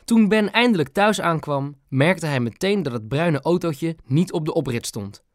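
A man narrating a children's story in a calm, clear way. His voice sits on the higher side for a man. The recording is close and completely dry. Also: moderate pace, no room sound. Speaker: audiobook narrator. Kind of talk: scripted narration of a children's book.

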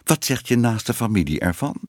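A man's voice: mid-range voice, sing-song, normal speed, a little mellow, no room sound, studio quality, natural voice. Man voicing hissing old cat Tante Moertje. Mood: disapproving. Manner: hissing, prim and scolding.

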